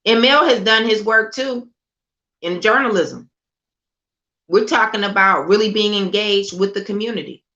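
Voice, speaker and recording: A female political commentator with a mid-range, sharp-toned voice and moderate pace delivers a fiery, sarcastic monologue. She drives points home with repeated rhetorical questions, on a slightly dull lo-fi recording.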